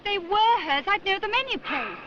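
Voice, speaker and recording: A woman's voice: very high-pitched, big pitch swings, moderate pace, sharp tone, a little hiss or hum, full character voice. An actress playing an anxious young woman searching for her missing friend, asking urgent, pleading questions. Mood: alarmed. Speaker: actress in a 1960s horror film. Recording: dull 1960s film soundtrack.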